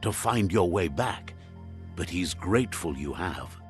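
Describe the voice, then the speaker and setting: A man with a deep voice narrates a game's story at a measured pace, calm like a storybook reader, and relays what a creature says by translating its speech. The narration is scripted, and faint music plays behind it in the game audio.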